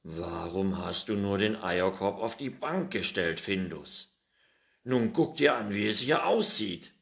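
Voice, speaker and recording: A man's voice: very deep voice, moderate pace. Pettersson, a grumbling old farmer, as a man reads him. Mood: scolding. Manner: grumbling and scolding.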